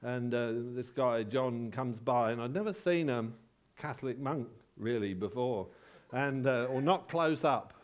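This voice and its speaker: A man of medium pitch gives a sermon that feels relaxed and conversational. He halts frequently, weaving in personal tales and jokes about himself.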